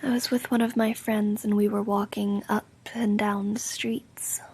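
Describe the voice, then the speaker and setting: Slow, breathy woman in ASMR role-play as sleepy girlfriend. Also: mid-range voice, flat delivery. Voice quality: soft, breathy soft voice with creaky edges. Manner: slow, drowsy, intimate. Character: affectionate sleepy girlfriend recounting a dream. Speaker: roleplay audio performer playing a sleepy girlfriend.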